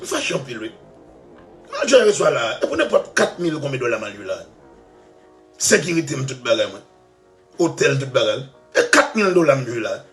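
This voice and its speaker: A man telling a story about playing music, laughing, shouting at times and dropping to mutters. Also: mid-range voice, very animated, moderate pace, pauses often. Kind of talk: animated storytelling rant. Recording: faint music behind.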